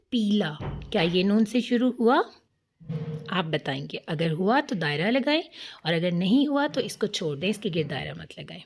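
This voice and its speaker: A woman teacher giving a children's lesson, patiently sounding out letters slowly for young learners to repeat and praising them. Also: mid-range voice. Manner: patient and encouraging.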